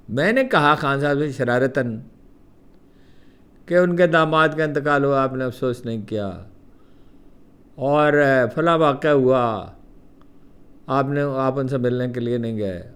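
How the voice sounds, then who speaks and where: An older man with a Pakistani Urdu accent telling personal anecdotes in a lively way, acting out the quoted remarks. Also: a little high, clean tone. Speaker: columnist recounting memories. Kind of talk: storytelling anecdotes.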